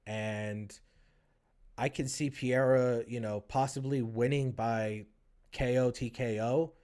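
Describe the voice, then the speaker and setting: A podcast co-host with a medium-pitched, slightly mellow voice speaks slowly in a steady tone. He gives a casual MMA fight breakdown and chats with a guest, interviewing them.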